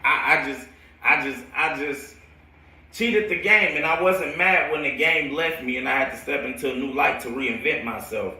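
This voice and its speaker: This late-20s American man, a football coach, casually tells viewers his own stories on a livestream, rambling with slang and repeated phrases. His mid-range voice moves at normal speed with a sharp tone. There's roomy echo, and he's distant from the mic.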